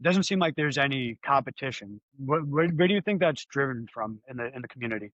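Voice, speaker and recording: A man's voice: medium pitch, animated, a little fast, fairly bright tone, dry recording, lo-fi sound. A man hosting a podcast interview, easygoing and asking long, rambling questions. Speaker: podcast host.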